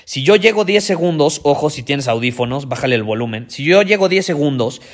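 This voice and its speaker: A man hosting a motivational podcast as a voice coach, emphatic, repeating key phrases and swinging his pitch and volume. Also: lively intonation, brisk. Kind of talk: energetic motivational podcast talk.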